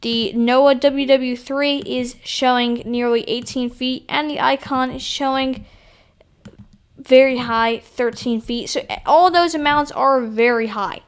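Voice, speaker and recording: A woman's voice: sits high, fairly even intonation, measured pace, smooth. A woman hosting a live storm stream, giving weather commentary in a hesitant, self-correcting way. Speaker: host of storm livestream.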